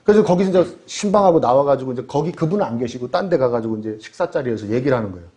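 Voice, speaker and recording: A man's voice: mid-range voice, animated, racing, mellow. A man preaching a sermon as pastor, telling stories animatedly and throwing rhetorical questions to the congregation.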